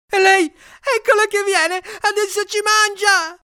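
The youngest brother in a fairy tale, small and terrified, squeals his fear. His voice is shrill and very high, with a bright edge, as a woman narrator puts him on. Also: fairly even intonation, slow, dry recording, clean studio sound, full character voice. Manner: shrill, frightened. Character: terrified little boy, whimpering youngest brother.

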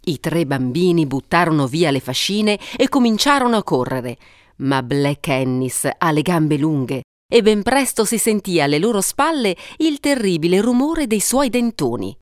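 A woman tells an old fairy tale with dramatic, suspenseful reading. Her voice is fairly low and swings widely in pitch, recorded dry and close. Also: very animated, normal speed, dry recording. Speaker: storyteller. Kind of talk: expressive fairy-tale narration.

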